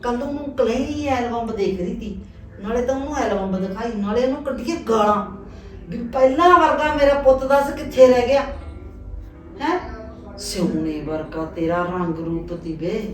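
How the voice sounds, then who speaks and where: A woman's voice: lively intonation, normal speed, lightly acted. A woman playing a harsh, cursing mother-in-law in a short drama film, scolding her daughter-in-law and her son. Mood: remorseful. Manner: shrill, cursing. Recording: echoey room, distant mic, faint music.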